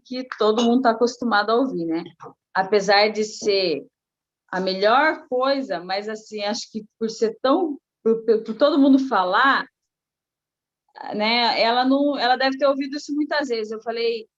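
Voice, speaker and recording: A middle-aged woman, telling a personal faith testimony in a casual, animated way. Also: a little high, moderate pace, muffled recording. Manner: animated storytelling, acting out quoted voices. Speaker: guest giving a testimony.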